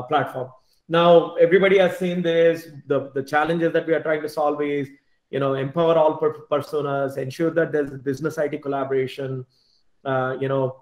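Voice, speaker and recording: A tech team lead gives an informal slide presentation at an online meetup, speaking from a bright home or small-office room through his computer mic. His fairly high voice often restarts and repeats words, with frequent "you know" asides, and the video call sounds echoey.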